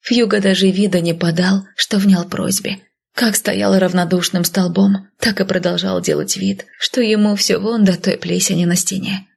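A woman reads a first-person fantasy audiobook in a soft, intimate, hushed way. Her voice is husky and gravelly, set at a middle pitch. The narration stays close and quiet. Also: fairly even intonation, normal speed.

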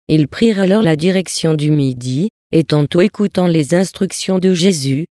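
A reader giving a steady, even scripted narration of a religious text for an audiobook. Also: medium pitch, no echo, clean studio sound.

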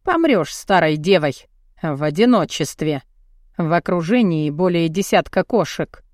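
A woman's voice: on the low side, lively intonation, unhurried, dry recording, studio quality, voice pushed down. A woman voicing a crude, cocky young muscleman who taunts and speaks bluntly in an audiobook. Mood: mocking. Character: crude cocky muscular young man, mocking and pushy. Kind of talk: audiobook character voice.

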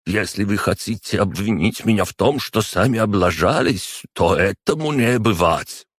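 A man's voice: low-pitched, very animated, a little slow, slightly rough, dry recording, studio quality, voice pushed up, exaggerated voice. A man voicing a stern, contemptuous old male alchemist in an audiobook, cold and scornful in manner. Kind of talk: audiobook character voice.

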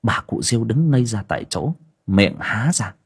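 A man narrating an audiobook story in an expressive storytelling manner. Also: fairly low pitch, normal speed, breathy edge.

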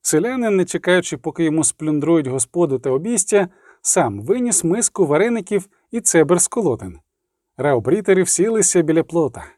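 Brief: male audiobook narrator, dramatic, mellow dark tone, lively pitch. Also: a little fast, no room sound, studio quality. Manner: vivid, dramatic reading.

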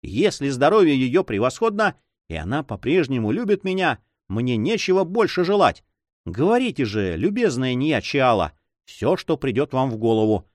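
Playing a lovestruck young nobleman who pleads with impatient eagerness, a man uses a very animated, natural-sounding mid-range voice raised above his own pitch. He speaks at normal speed in a dry, studio-quality recording.

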